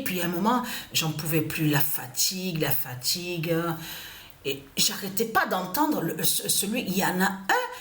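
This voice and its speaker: A woman's voice: medium pitch, fairly bright tone, reverberant. A woman telling a personal story in an agitated, repetitive way, cursing often. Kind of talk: angry personal storytelling monologue.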